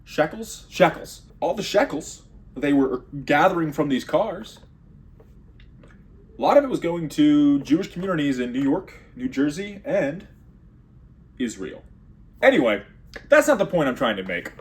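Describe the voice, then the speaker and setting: A man doing a rambling comedic monologue, sarcastic with deadpan asides. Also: fairly high pitch, normal speed, pauses often.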